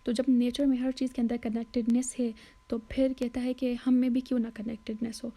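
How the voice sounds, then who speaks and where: A woman tutor walks through a poem in a casual lesson, pausing on fillers and correcting herself as she goes. Her voice sits a little high but sounds very dark and mellow, with a flat, even delivery. She slows right down whenever she reads a quoted line. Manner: hesitant, with frequent fillers and self-corrections. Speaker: literature tutor. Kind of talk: explaining a poem in a Hindi-English lesson.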